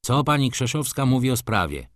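A man's voice: medium pitch, very animated, a little fast, a bit bright, no room sound, studio quality, pitched above the performer's own voice. A man as a curt, stern court judge. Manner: curt, official questioning. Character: stern male judge keeping order in court.

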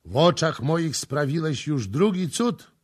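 A man reading aloud, voicing an impatient, imperious young Egyptian prince with a slightly husky voice. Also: a little high, lively intonation, unhurried, voice pushed up. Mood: demanding. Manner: imperious, exclamatory.

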